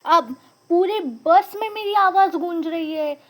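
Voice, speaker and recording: High-voiced woman telling a story slowly. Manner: dramatic, repeats phrases for emphasis; mixes in English words. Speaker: vlogger. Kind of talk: casual personal storytelling.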